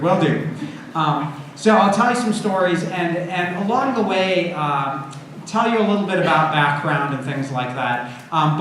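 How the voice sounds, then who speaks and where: A man's voice: on the high side, fairly bright tone. A middle-aged man giving an informal, conversational public lecture as a university teacher, often checking in with "right?" and "you know.". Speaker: university computer science lecturer. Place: indoor lecture room with an audience. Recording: echoey room, audible background noise.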